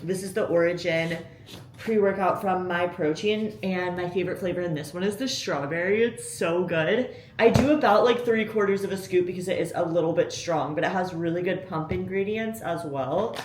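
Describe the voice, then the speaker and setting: A woman's voice: on the low side, normal speed, darkish tone, a little hiss or hum, poor audio. A young woman in her twenties, a fitness coach, talking casually to camera in a vlog, candid and full of fillers like "like". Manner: chatty, candid, lots of fillers. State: out of breath after cardio. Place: gym, then outdoors by a road.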